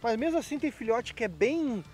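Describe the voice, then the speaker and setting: A man, a dog trainer, calmly explaining step by step how he picks a puppy. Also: very high voice, a little fast, faint music behind. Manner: calm, methodical explanation.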